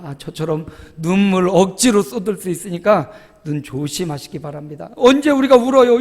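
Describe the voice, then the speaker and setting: Male pastor, high pitch, lively storytelling sermon, long church echo. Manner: animated storytelling, acts out groans and quotes. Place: church sanctuary.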